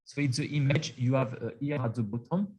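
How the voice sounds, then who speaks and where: A man's voice: mid-range voice, a little fast, darkish tone, breathy edge. A man presenting a science talk on a video call, speaking hesitantly with many fillers while his sound keeps cutting in and out as if through a loose cable, too far from his computer mic. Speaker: microscopy facility scientist presenting.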